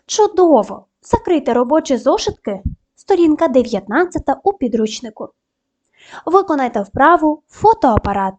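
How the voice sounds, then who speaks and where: A woman teaching a primary school video lesson, giving clear step-by-step instructions and spelling out sounds slowly with upbeat praise. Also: high voice, sing-song, a little mellow. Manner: clear, slow, syllable-by-syllable dictation; upbeat praise between tasks.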